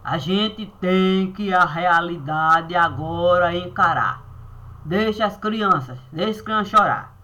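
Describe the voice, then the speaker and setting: A woman telling a personal story in a playful, animated way, acting out the dialogue. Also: fairly low pitch, takes it slowly, dull audio.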